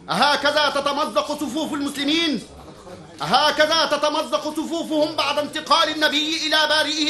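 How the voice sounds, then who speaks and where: A worried fervent believer in a historical drama, really high sharp urgent voice, echoey. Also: male voice, heavily acted. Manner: oratorical, urgent. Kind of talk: classical Arabic historical drama acting. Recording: echoey, reverberant drama recording.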